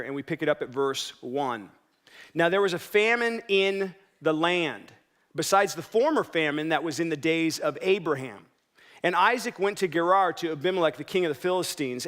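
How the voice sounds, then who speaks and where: Male pastor, sermon, light higher-pitched voice, conversational delivery with rhetorical questions. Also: a bit bright. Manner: conversational, self-interrupting preaching with rhetorical questions.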